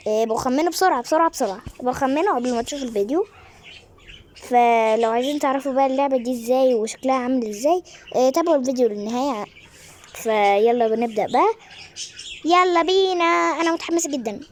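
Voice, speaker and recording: An Egyptian woman in her thirties giving chatty, excited commentary on a mobile game at home, now and then hushing her children. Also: on the high side, rapid-fire, a little hiss or hum. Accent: Egyptian Arabic. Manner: excited, chatty, scolding kids aside. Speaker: gaming YouTuber. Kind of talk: casual gameplay commentary.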